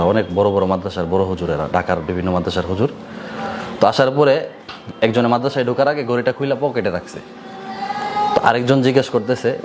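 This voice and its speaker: A male madrasa teacher speaks in colloquial Bangladeshi Bengali as he gives his students a moral lesson. He checks their attention by turning each point into a question for them to answer. Steady noise hums under his voice throughout. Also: on the low side. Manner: quizzes listeners with repeated rhetorical questions.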